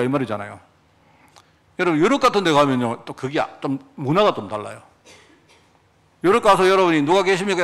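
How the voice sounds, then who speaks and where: A middle-aged man preaching a sermon as pastor, animated, acting out quoted prayers. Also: fairly high pitch. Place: church sanctuary.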